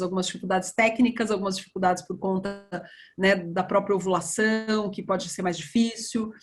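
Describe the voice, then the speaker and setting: A woman surgeon, talking in a relaxed interview and acting out past conversations as she tells them. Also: medium pitch. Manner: animated storytelling, acts out dialogue. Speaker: breast surgeon guest.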